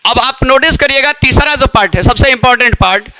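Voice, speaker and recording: A man lectures on biology, throwing out questions and answering them himself. His voice sits very high and sounds bright and sharp, with a smooth, clear tone. The recording is dry and close to the mic. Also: a little fast, no room sound. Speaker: biology teacher. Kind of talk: classroom lecture.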